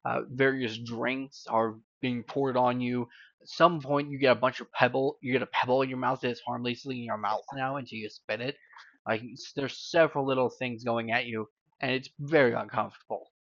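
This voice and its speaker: A man's voice: mid-range voice, fairly even intonation, normal speed, fairly bright tone, no echo. Rambling man narrating as game master. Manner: loose, rambling narration with fillers. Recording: dry, dull lo-fi mic.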